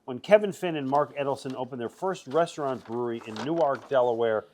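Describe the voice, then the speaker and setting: A man's voice: mid-range voice, fairly quick. A male TV co-host in a bottle shop chatting casually on air during a beer tasting, joking and teasing his partner. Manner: jokey, animated, teasing. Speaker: TV show co-host.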